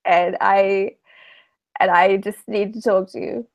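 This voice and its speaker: A woman's voice: medium pitch, fairly even intonation, muffled recording. A woman playing a flustered, shaken teenage girl in a tabletop game, stammering as she confides. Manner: halting, stammering.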